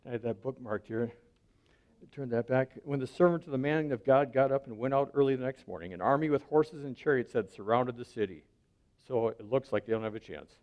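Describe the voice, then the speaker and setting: A man preaching at an everyday mid pitch, talking to his listeners as if in conversation and often pausing to ask "right?". His delivery is relaxed but earnest. The recording sounds a little dull and muffled. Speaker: pastor. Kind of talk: sermon.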